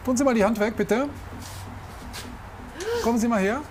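A man's voice: very high-pitched, normal speed. A man playing a firm, questioning police officer in a reality drama. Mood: probing. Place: greenhouse garden centre. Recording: noisy location sound.

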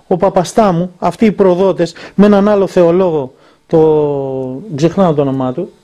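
A man's voice: on the high side, fairly even intonation, warm tone. A man interviewing a monk, talking heatedly and indignantly, retelling conversations at length. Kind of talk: impassioned conversational monologue.

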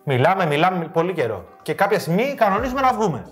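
A man co-hosting a show, telling funny stories in a lively way and acting out the lines of the people in them. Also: high-pitched, soft background music. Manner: lively, acts out quoted lines. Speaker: co-host. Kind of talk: casual comedic storytelling.

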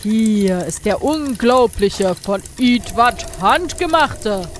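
Woman doing a slow, theatrical skeleton gentleman. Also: a little high, animated, slight background noise. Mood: proud, mysterious. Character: tall eccentric skeleton gentleman inventor, kindly, theatrical. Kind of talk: game dialogue read aloud.

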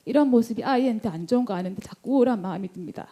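A woman's voice: on the high side, animated, rapid-fire, mellow. A woman in her thirties or forties, a mother reading out her written question in a subdued, earnest way.

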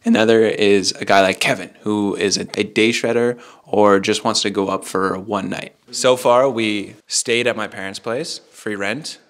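A man's voice: fairly low pitch, steady tone, moderate pace, few pauses, fairly bright tone. A man in his twenties hosting a casual, joking vlog, talking straight to a handheld camera and swearing casually. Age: 20s. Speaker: vlogger and host. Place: ski hill outdoors and indoor lodge rooms. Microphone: handheld action camera at arm's length.

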